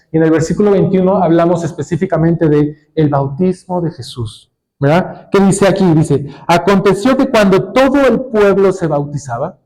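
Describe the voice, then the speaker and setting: A male pastor preaching a sermon, reading scripture slowly and putting questions to the congregation. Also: high-pitched, darkish tone, rough recording. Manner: asks the congregation questions and waits for answers; reads scripture aloud slowly, drawing words out.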